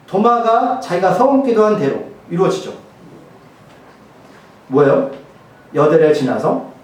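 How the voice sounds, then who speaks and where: Preaching to his congregation, a male pastor keeps things casual and jokey, peppering the sermon with rhetorical questions. His voice is high and very lively, heard from a distance as it echoes around a very reverberant church hall with the mic far away.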